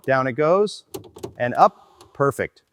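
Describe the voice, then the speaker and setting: In a mid-range voice with lively intonation, a man speaks slowly while restoring a car, narrating the job step by step in brief, clipped phrases. There's a little background noise.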